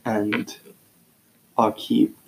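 A teenage boy co-hosting a podcast in casual chat, relaxed and rambling, sometimes searching for words. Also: lowish voice, very slow, creaky, poor audio. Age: teens. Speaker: podcast co-host.

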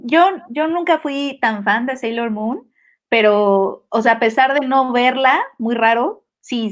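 A Mexican woman with a fairly high voice, chatting casually on a podcast. She is animated and laughs often, and she mimics other people's voices. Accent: Mexican Spanish. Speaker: podcast co-host. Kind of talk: casual chat.

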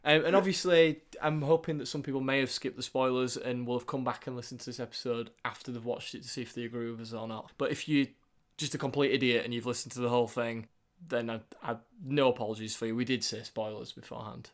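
Male podcast host, Northern English accent, mid-pitched voice, informal and jokey casual chat. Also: steady tone, quick pace, few pauses. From England.

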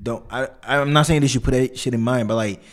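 A man's voice: medium pitch, fairly quick. A young man chatting casually in a slangy frat-bro manner, rambling and repeating himself. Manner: frat-bro slangy talk, constantly saying "bro"; rambling, repetitive, loose phrasing. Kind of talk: casual conversation.

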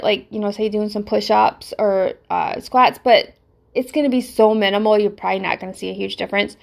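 A woman's voice: on the high side, creaky. A middle-aged woman with a Southern US accent hosting a casual solo fitness podcast, rambling and thinking aloud with fillers. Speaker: podcast host, fitness coach.

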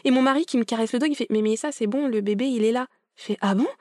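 A woman's voice: fairly high pitch, fast, no room sound, clean studio sound. A young adult woman telling her birth story casually, acting out the dialogue with emotion. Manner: animated, acts out quoted dialogue. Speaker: podcast guest.

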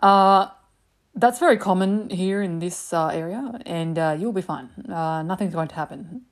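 A woman voicing a calm paramedic who hesitates with many filler sounds. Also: on the low side, moderate pace, lightly acted. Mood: offhand. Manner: hesitant, full of "uh"s.

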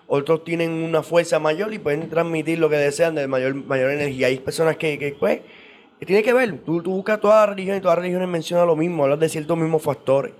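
A man's voice: fairly high pitch, brisk, darkish tone. A man explaining in casual interview talk, at length, with frequent repeats and restarts. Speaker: guest on esoteric topics.

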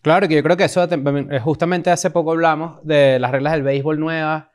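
A man's voice: a little high, steady tone, a little fast, a little hiss or hum. A man co-hosting a casual podcast, giving thoughtful comments as a fan.

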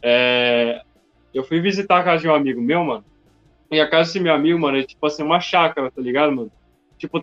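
Heard through a dull, lo-fi recording with faint background music, a man from Brazil talks casually in a fairly high voice. His speech is thick with slang and fillers, especially "mano" and "tá ligado".

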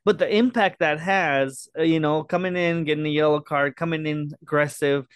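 Man, sports chat co-host, analytical, measured, lots of fillers, fairly high voice, dry close sound. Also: steady tone, clean tone, dry recording. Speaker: podcast co-host.

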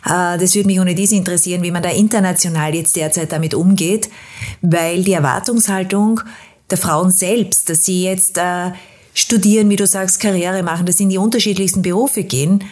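A woman hosts an interview in a fairly low voice. She asks long, winding questions and often pauses to hesitate before going on. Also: steady tone, a little mellow. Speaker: podcast host.

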